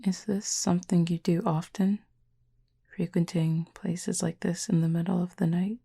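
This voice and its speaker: Soft-spoken and measured, a woman takes on the role of a cupid in an intimate audio roleplay, her character calm, reserved and quietly fond. The lowish voice comes across breathy and hushed, and her formal phrasing teases gently.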